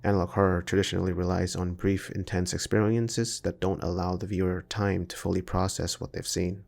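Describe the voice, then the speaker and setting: A man narrates a scripted video essay in a formal, academic style, laying out his analysis point by point. His low, darkish voice carries plenty of vocal fry, and his delivery is flat and brisk.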